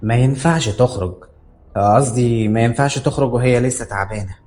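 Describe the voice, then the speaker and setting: A man's voice: medium pitch, a little fast, darkish tone, soft background music, natural voice. Man putting on a harsh, bullying Egyptian nurse woman. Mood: harsh commanding. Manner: harsh, mocking, commanding.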